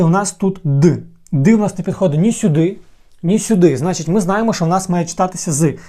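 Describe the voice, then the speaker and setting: A man, an English teacher, explaining a grammar lesson patiently, repeating example words slowly and talking to viewers as friends. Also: sits high, warm tone.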